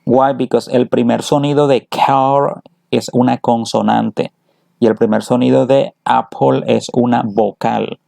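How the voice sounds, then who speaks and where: Slow, gravelly teacher. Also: male voice, mid-range voice, fairly even intonation, dark tone, no echo. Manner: switches between English and Spanish, explaining patiently. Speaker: English teacher. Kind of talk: bilingual grammar lesson.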